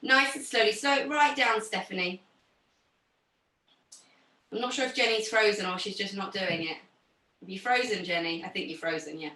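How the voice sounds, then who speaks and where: A young woman teaching a pilates class over a video call, giving gentle, encouraging cues. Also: medium pitch, moderate pace, long pauses, distant mic. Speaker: pilates instructor. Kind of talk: guided exercise class instruction. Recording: roomy sound from off the mic.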